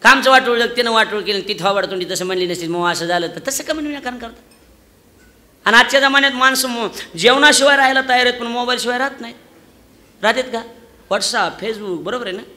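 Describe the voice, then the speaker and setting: A man preaching a comic devotional sermon on stage, loudly acting out the voices of villagers in his stories. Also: extremely high pitch, a little fast. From Maharashtra, India. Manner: loud, animated storytelling, acting out villagers' voices. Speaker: kirtan preacher.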